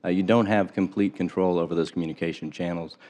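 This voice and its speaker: A man with a very deep, low voice answers questions as an expert witness in a hearing room. He talks in a measured, explanatory way and often doubles his opening words before settling into an answer, close to a desk microphone. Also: steady tone, darkish tone. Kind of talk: formal testimony answering questions.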